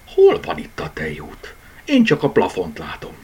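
Brief: a sulky storybook teddy bear, low and husky, a man voicing her. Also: huge pitch swings, darkish tone, heavily acted. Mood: puzzled. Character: grumpy, literal-minded female teddy bear.

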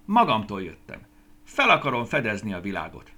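A man's voice: lowish voice, huge pitch swings, sharp tone, full character voice. A man voicing a curious, touchy little boy cherry in a children's storybook reading. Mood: proud. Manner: eager, proud, a bit touchy.

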